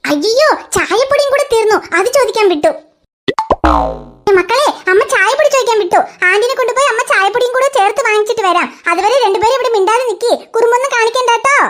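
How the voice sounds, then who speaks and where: A woman's voice: extremely high pitch, lively intonation, fast, fairly bright tone, slight background noise. A performer voicing a talkative neighbor mother in a cartoon, who rambles and chatters at length. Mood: chatty. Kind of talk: cartoon voice acting.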